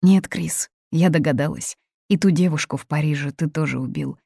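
A woman's voice: deep voice, moderate pace, creaky, warm tone, slightly rough, no echo, clean studio sound, heavily acted. A woman voicing a fearless young woman who speaks hard and cutting as she confronts a family. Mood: cold, firm.

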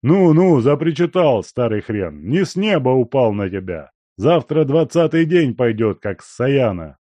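A man voicing a hoarse, blunt old gray-haired male gold miner who talks coarsely and teases. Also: mid-range voice, big pitch swings, a little slow, mellow, no room sound, voice pushed up. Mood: gruff.

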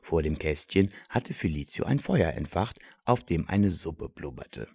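A man narrating a children's fantasy audiobook in an expressive storytelling style. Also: low-pitched, unhurried, creaky, breathy edge, no echo. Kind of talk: scripted narration.

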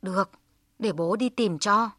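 A woman's voice: mid-range voice, measured pace, fairly bright tone, no echo, clean studio sound. A woman voicing a tiger who acts as a caring father, in a stern, protective storybook voice. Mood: tender.

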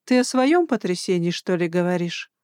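A narrator voicing a sharp-tongued young woman in an audiobook, mocking and quick to snort at him. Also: mid-range voice, expressive, clean tone, no echo, studio quality, close to an everyday voice. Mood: indignant. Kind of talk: audiobook dialogue.

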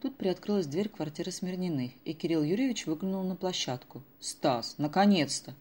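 Brief: low-pitched woman narrator, measured audiobook storytelling. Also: mellow.

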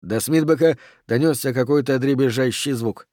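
Give me a man narrating a thriller with a steady, measured voice, recorded dry and close. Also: mid-range voice, dry recording. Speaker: audiobook narrator.

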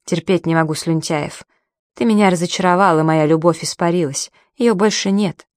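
A woman reading an audiobook, voicing a scornful, cold-hearted woman breaking off an affair, sharp and mocking. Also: on the low side, moderate pace, dry recording, studio quality, natural voice. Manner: sharp and mocking, then falsely sweet.

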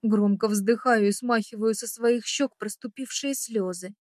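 A woman narrates a first-person audiobook with emotional expression. Her voice sits fairly high. The recording is dry and close, with no room sound. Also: measured pace, darkish tone, no room sound.

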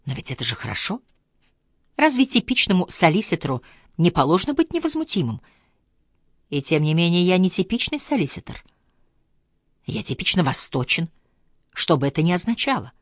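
A woman reading the part of a composed young solicitor on trial, speaking with gentle irony. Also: lowish voice, sing-song, brisk, long pauses, dry recording, clean studio sound. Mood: wry calm. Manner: wry, composed, gently sarcastic. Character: young man, calm ironic solicitor on trial. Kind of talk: audiobook character voice.

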